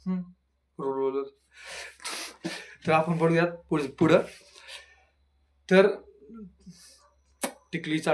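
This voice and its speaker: A man giving a casual spoken review of a reality show, playful and chatty, with jingly rhyming filler words, often talking straight to the contestants. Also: high-pitched.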